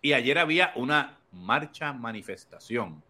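A Puerto Rican man hosting a podcast, telling stories in animated casual political chat and laughing often. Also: mid-range voice, measured pace. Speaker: podcast host.

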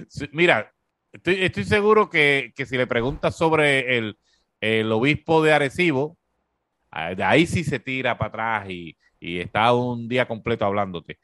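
A man with a Puerto Rican accent hosting a talk show, giving sarcastic, animated political commentary full of fillers. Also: medium pitch, measured pace, dry recording, clean studio sound.

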